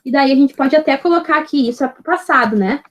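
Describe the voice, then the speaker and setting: High-voiced teacher woman. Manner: patient, checks in with "tá?" after nearly every phrase; spells out examples slowly and clearly. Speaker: English teacher. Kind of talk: online grammar lesson.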